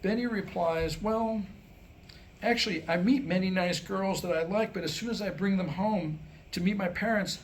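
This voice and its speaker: Speaking at normal speed in a voice that sits high, a male presenter jokes with a small group of live listeners in a wry, conversational stand-up way. Faint background noise runs under this live staged reading.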